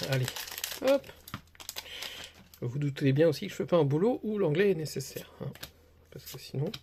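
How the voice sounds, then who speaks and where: A man's voice: fairly high pitch, vocal fry, noisy background. A young man casually commenting as he opens trading card packs, chatty and rambling with many hesitations. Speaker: card collector opening booster packs.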